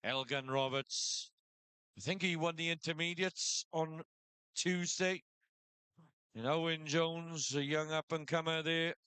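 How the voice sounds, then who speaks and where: A male live event commentator with a bright, forceful and exceptionally clear voice. He announces a shearing contest at a measured pace, rallying competitors by name and stand number. The sound is dry and close. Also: medium pitch, no room sound.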